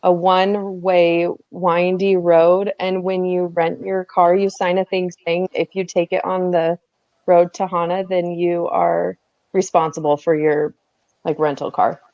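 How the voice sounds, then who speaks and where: A woman's voice: fairly low pitch, level tone, a little slow, dry recording, dull audio. A woman chatting on a video call, telling a story and laughing at her own fears. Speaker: author and group admin. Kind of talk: casual video call chat.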